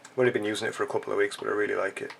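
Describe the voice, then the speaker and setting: A man who hosts a fly-tying channel talks through a tutorial in a lowish, fairly bright, creaky voice, racing along with a flat delivery. His nose sounds stuffy and blocked up, and he keeps things casual with joking asides as he works. A little hiss or hum sits under the recording.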